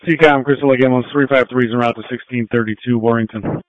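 A man calls in on an ambulance radio, talking quickly in short procedural reports. His mid-pitched voice comes through a narrow, tinny two-way radio channel. He sounds like crew reporting in to dispatch. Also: steady tone, no echo.

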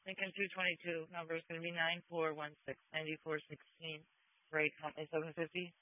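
High-pitched male police dispatcher on muffled radio. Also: flat delivery, brisk, no echo. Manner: terse, procedural. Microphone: radio dispatch channel. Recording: dull, band-limited two-way radio audio.

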